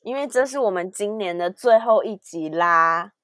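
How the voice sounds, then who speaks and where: Teasing lively podcast woman. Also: mid-range voice, slight background noise. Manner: teasing, quick quips. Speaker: podcast co-host. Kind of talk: casual chat.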